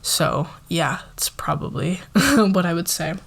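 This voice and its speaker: A young woman of eighteen answers viewer questions in a soft, relaxed, casual way. Her voice sits a little on the low side. She often says "like" and sometimes drops to a whisper. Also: slow pace, gravelly. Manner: soft-spoken, relaxed, many "like" fillers, drifts into whispers. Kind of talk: casual Q&A chat.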